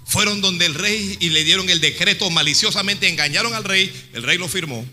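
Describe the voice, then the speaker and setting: A man preaching a sermon, retelling a story dramatically and swinging between hushed and shouted lines. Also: high voice, a little fast. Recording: long hall reverb with music.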